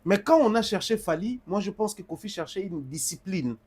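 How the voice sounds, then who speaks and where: A man's voice: high-pitched, expressive, fairly quick, darkish tone, breathy edge. A man, commentating emphatically in a heated studio debate on music, switching between French and Lingala.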